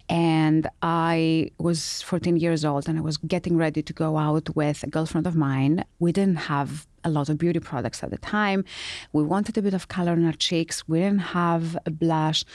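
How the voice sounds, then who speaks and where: A woman's voice: sits low, darkish tone, no echo, studio quality. A middle-aged woman from Greece, a guest telling her story in an interview conversation with some fillers. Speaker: guest entrepreneur.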